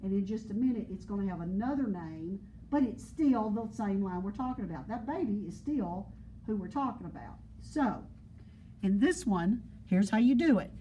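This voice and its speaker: In a classroom lesson, a woman guides her students through geometry, patiently going over points again and tying them to everyday examples. She sounds warm and animated at a normal pace in a medium pitch, with a little hiss or hum in the recording.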